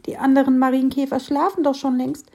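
A woman voicing a small, kind fir tree that speaks gently and with concern. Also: high-pitched, fairly even intonation, a little fast, vocal fry, pitched above the performer's own voice. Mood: gentle. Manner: gentle, worried questions.

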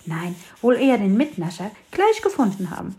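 A woman voicing a small, kind and gently teasing fir tree in a children's storybook. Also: mid-range voice, big pitch swings, normal speed, lightly acted. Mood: friendly.

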